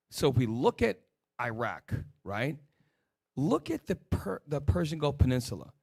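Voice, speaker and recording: This religious teacher has a slightly high, gravelly, somewhat mellow voice. He runs a teaching session full of rhetorical questions, snapping short commands to an assistant.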